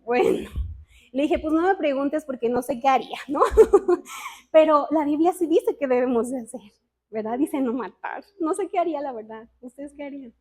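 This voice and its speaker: Chatty high-voiced woman teaching the Bible. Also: warm tone. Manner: chatty, self-mocking, asks listeners questions; reads scripture slowly and deliberately. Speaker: women's ministry speaker.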